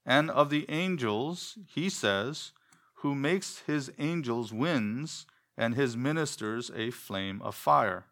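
A man whose first language is Korean, preaching an expository sermon in church with a measured, deliberate delivery and rhetorical questions. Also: mid-range voice, lively intonation, fairly bright tone. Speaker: pastor. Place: church sanctuary.

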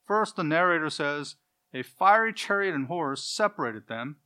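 A man preaching an expository Bible lesson, stressing key words loudly and dropping to quiet asides, with Hebrew pronunciations of names. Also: on the high side, lively intonation, normal speed, smooth. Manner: emphatic, swings from loud stresses to quiet asides.

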